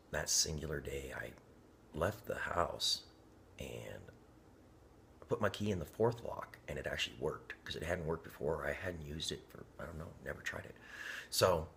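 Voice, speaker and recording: A man's voice: a bass voice, creaky, sharp tone, a little hiss or hum. A man telling a personal story in a casual, rambling way, often dropping to a near whisper. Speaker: vlogger. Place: inside a parked car.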